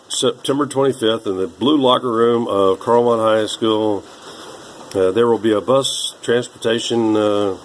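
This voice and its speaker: A man in his sixties, rambling slowly through old papers, halting with many fillers. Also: lowish voice, a little hiss or hum, poor audio. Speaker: vlogger.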